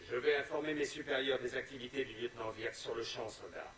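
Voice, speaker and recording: Video game sergeant, male actor: firm, dutiful, quick delivery, slightly distant. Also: medium pitch, a bit bright, lightly acted. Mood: firm, businesslike. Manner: brisk, formal, firm. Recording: echoey, slightly distant, faint noise.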